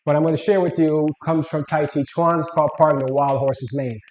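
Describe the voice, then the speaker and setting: Echoey, higher-voiced male exercise coach. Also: steady tone, a little fast, a little mellow, slight background noise. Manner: plain-spoken step-by-step cueing. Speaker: fitness coach, instructor. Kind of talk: instructional exercise demonstration. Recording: echoey room.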